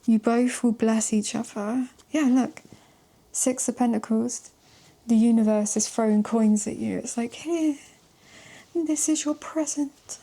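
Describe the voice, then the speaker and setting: A woman giving a casual tarot love reading to camera, chatty and emphatic with casual swearing, sometimes dropping into a soft whisper. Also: fairly high pitch, little pitch movement, a little slow, gravelly. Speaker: tarot reader.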